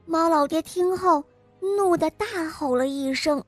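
A woman host reading a fairy tale for children in a gentle, clear, unhurried way. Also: extremely high pitch, no room sound, soft background music. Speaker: storyteller host.

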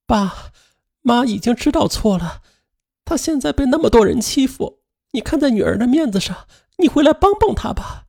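Man doing tearful daughter, breathy falsetto, pleading, sobbing. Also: very animated, moderate pace, darkish tone, full character voice. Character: tearful grown daughter pleading with her father.

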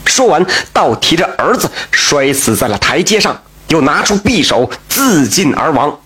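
A man's voice: on the high side, big pitch swings, normal speed, sharp tone, slightly rough. A man telling a folk tale in a chatty, colloquial way, with asides and exclamations. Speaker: storyteller.

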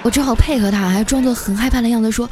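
A woman telling comic stories as a podcast host, lively and chuckling often. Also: a little high, fast, background noise. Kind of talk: comic storytelling. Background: background music.

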